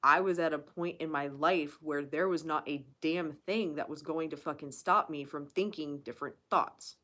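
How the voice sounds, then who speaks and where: Host, female, low-pitched, blunt and foul-mouthed, casual live Q&A. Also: normal speed, fairly bright tone. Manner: blunt, profane, emphatic. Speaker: channel host.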